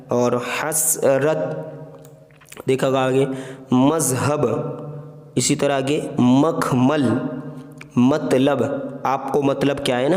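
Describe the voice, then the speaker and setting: A man's voice: medium pitch, darkish tone. A man teaching an online reading lesson, sounding out letters and words one at a time and checking in with short asides. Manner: slow, spells out letters one by one with "है ना" and "ठीक है" checks. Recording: echoey room with long reverb.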